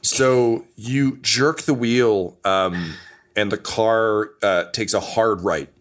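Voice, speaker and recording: A man narrating a tabletop game as game master, relaxed and full of fillers. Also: fairly low pitch, takes it slowly.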